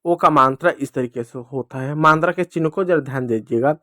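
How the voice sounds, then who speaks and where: A male teacher giving a children's reading lesson, addressing the kids directly and drawing out each letter sound slowly, asking and answering his own questions. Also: mid-range voice, pushed and bright, dry recording, clean studio sound. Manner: slow, drawn-out sounding of letters.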